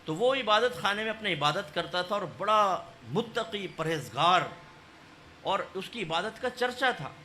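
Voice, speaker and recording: A male preacher, giving a storytelling sermon that swings between loud exhortation and hushed narration. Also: high-pitched, expressive, a little hiss or hum. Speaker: Islamic preacher.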